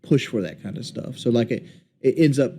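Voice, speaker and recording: A man in his late thirties in a casual voice chat, rambling candidly and haltingly. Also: mid-range voice, expressive, dark tone, slight background noise. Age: 30s. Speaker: streamer.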